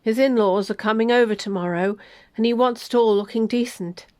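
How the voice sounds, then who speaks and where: A woman voicing a young man, an evasive boyfriend who talks in a flat, soft, hurried way. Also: fairly high pitch, no echo, natural voice.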